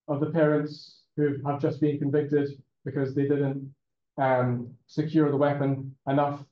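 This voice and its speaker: A man's voice: medium pitch, mellow. Roomy, dull recording of a male lecturer. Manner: conversational, frequent "okay?" check-ins and fillers. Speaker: university lecturer. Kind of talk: classroom lecture. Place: lecture room.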